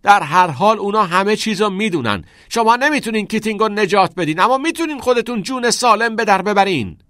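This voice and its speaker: A man's voice: medium pitch, lively intonation, dry recording, studio quality, voice pushed up, natural voice. A man voicing a smug, self-serving teenage schoolboy who talks in a pushy, mocking way. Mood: shouting.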